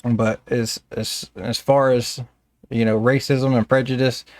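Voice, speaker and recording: A man's voice: mid-range voice, flat delivery, measured pace. A man with a Southern American accent who runs a staffing business, telling stories in a casual, plainspoken interview.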